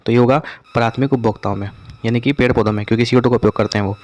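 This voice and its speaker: A man's voice: medium pitch, steady tone, racing, darkish tone. A man teaching an exam revision lesson, reading out questions and drilling the answers by asking them again and repeating them. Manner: quizzes listeners and repeats answers.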